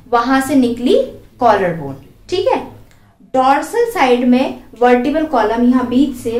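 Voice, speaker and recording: A young woman biology teacher explaining a diagram step by step, asking her students questions and answering them herself. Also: fairly high pitch. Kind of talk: classroom lesson, drawing and explaining. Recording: echoey room.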